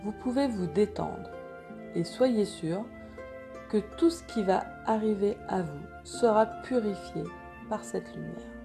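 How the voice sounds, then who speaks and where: A woman leads a guided meditation in a calm, gentle, soothing way, unhurried and with pauses. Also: mid-range voice, gravelly, over music.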